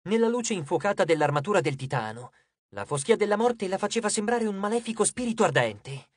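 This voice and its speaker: Higher-voiced male audiobook narrator. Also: big pitch swings, fairly quick, dry recording, studio quality. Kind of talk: scripted narration.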